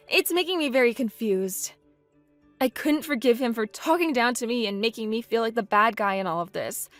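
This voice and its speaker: A woman plays a wounded, indignant bride with a high voice, speaking in an upset, pleading way. The sound is dry and close, with faint music underneath in this text-message story. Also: fairly bright tone, dry recording. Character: hurt, indignant young bride.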